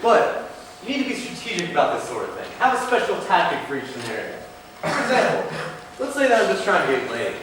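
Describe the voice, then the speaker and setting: A young man performing a stand-up comedy set in a university auditorium, with a deadpan mock-lecturing delivery. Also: sits high, quick pace, a little hiss or hum. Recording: echoey auditorium from far off. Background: audience laughter.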